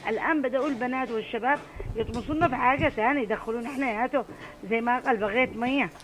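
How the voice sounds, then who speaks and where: A middle-aged woman from Aden, Yemen, speaking Adeni Arabic, calls in to a radio chat show and talks passionately and emphatically. Her slightly high, fairly bright voice goes very fast. The audio is poor, with a little hiss or hum.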